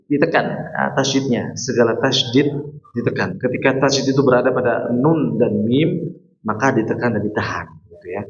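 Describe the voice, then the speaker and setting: A man's voice: medium pitch, a little hiss or hum. Male recitation teacher from Indonesia, chant-and-explain style, roomy and muffled mosque sound. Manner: alternates melodic chanted recitation with quick explanations. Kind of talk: tajwid lesson with chanted recitation. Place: mosque hall. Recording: muffled, echoey mosque hall.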